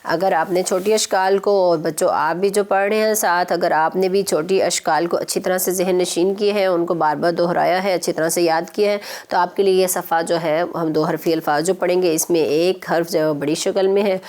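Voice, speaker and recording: A woman's voice: fairly low pitch, fairly even intonation, hardly any pauses, a little mellow. A woman host teaching children recitation on a TV program, speaking patiently and repeating her instructions to young viewers.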